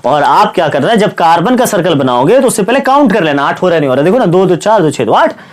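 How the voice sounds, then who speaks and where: A male science teacher giving a classroom-style chemistry lesson with a sore, slightly hoarse throat. He asks his students questions, answers them himself, and keeps repeating the key words. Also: sits high, big pitch swings, quick pace. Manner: repeats key words and calls listeners "kids" and "brother".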